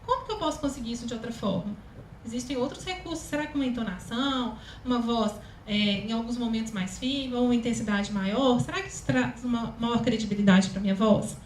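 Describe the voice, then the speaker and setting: High-voiced woman speaking in an echoey hall. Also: brisk, a little mellow. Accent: Brazilian Portuguese. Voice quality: very high, thin voice. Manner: chatty, many fillers, laughs often. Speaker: communication consultant, speaker. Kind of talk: public talk to an audience. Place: event hall, live audience. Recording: echoey room, faint ambient noise.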